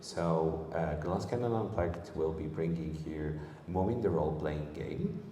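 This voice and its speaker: A man with a very deep voice hosts a convention panel, friendly and halting. The sound is roomy with a long reverb, and faint noise from the hall sits underneath. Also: dark tone. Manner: friendly, halting, many uh fillers. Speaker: presenter hosting the panel. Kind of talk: convention stage presentation.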